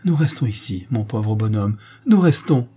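A man voicing a gentle former convict who talks tenderly and tearfully, pleading and sorrowful. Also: mid-range voice, expressive, normal speed, breathy edge. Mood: joyful.

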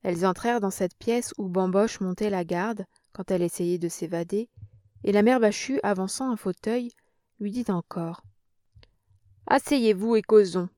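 A woman reads a novel aloud in a steady, expressive way. Her voice sits at a middle pitch for a woman. The sound is dry and close to the mic. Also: moderate pace, no room sound. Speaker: audiobook narrator. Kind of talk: novel reading.

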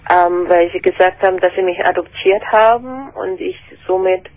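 A woman's voice: lowish voice, normal speed. A 29-year-old woman from Korea calling in to a radio show, speaking hesitantly and searching for words. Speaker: caller. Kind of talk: phone-in call. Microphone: telephone. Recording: dull lo-fi phone line.

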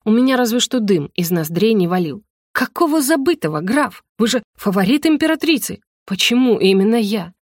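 Woman voicing a fiery, sharp-tongued young noblewoman. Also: on the high side, big pitch swings, brisk, no room sound, studio quality. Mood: indignant. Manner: indignant, sharp retorts.

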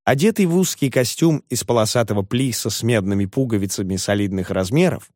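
A man reading a classic novel aloud in measured, expressive audiobook narration. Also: fairly low pitch, no echo, clean studio sound.

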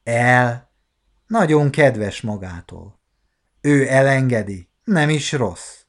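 A man voicing a teasing, sarcastic young wife in a storybook reading, with a mocking, drawn-out delivery. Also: mid-range voice, close to an everyday voice.

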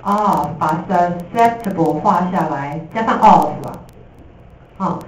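A woman teacher with a Taiwanese Mandarin accent gives a lively, jokey classroom lecture, slipping in English terms. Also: on the low side, takes it slowly, a little hiss or hum. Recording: echoey room from a distance.

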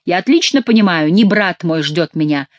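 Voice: mid-range voice, lively intonation, moderate pace, no echo, close to an everyday voice. A reader voicing a proud, wary young prince. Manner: theatrical storybook reading. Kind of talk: audiobook reading.

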